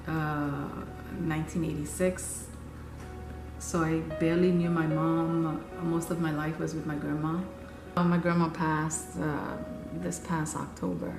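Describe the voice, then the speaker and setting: A woman in her forties from Haiti, earnestly recounting her life in an unhurried interview. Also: deep voice. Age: 40s. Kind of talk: personal recollection. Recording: echoey room with music underneath. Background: music.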